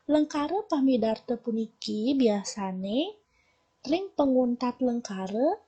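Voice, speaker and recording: A woman with a Balinese accent teaching children a language lesson, explaining slowly and patiently. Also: a little high, dark tone, husky. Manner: slow, patient explaining to children, shifting between Balinese and Indonesian. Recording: dull lo-fi recording.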